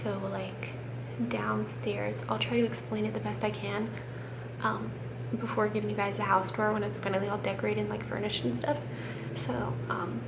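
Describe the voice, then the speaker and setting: A young American woman chatting casually to camera, rambling and self-deprecating, sick with a swollen sore throat and keeping her voice down, sometimes to a whisper. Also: medium pitch. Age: young adult. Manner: hushed, keeping quiet, at times dropping to a whisper. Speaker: vlogger. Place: room at home. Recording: roomy, noisy home camera recording.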